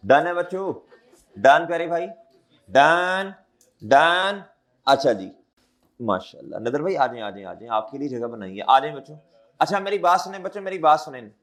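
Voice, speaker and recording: A man's voice: fairly high pitch, a bit bright. A man with a sore throat, giving a classroom accounting lecture and repeating his questions back to the students.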